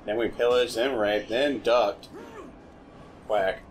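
A man's voice: lowish voice, steady tone, slow pace. A young man joking around and cheering on a friend's video game play. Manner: joking, shouts encouragement. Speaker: co-host watching the game. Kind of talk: casual let's-play commentary.

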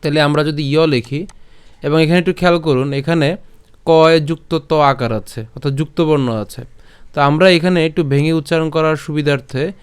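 A man with a smooth, resonant voice leads a verse pronunciation lesson. He moves step by step, poses questions and answers them himself. When he recites the verse he slows right down into a drawn-out chant, his voice sitting a little higher than most men's. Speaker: Gita recitation teacher.

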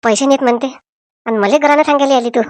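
A woman voicing a fierce, protective village mother in a cartoon, sharp-tongued and scolding, with a Varhadi Marathi accent. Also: high voice, quick pace, crowd noise, close to an everyday voice. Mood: angry.

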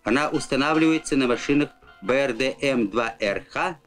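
A man's voice: medium pitch, normal speed, fairly bright tone. Formal male narrator over music. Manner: formal, instructional. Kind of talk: scripted narration, Soviet military training film of the 1980s. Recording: old film soundtrack.

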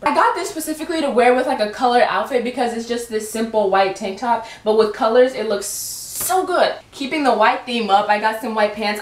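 A woman's voice: a little high, echoey room. A young woman chatting casually through a clothing try-on haul, giggly and often stumbling over her words. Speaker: vlogger.

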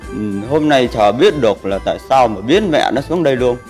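A man's voice: mid-range voice, animated, normal speed, a little mellow. Brief: a male streamer joking crudely with his viewers, chatty and casual, with faint music in the background. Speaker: game streamer. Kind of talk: casual live-stream chat.

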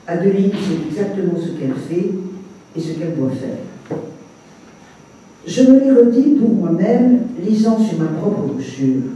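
A man's voice: high-pitched, mellow, slight background noise. Man reading aloud in an echoey hall. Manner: measured, with brief spoken asides. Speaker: author reading his book. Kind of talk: literary reading aloud at a public evening. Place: reception hall with audience. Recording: echoey room, mic at a distance.

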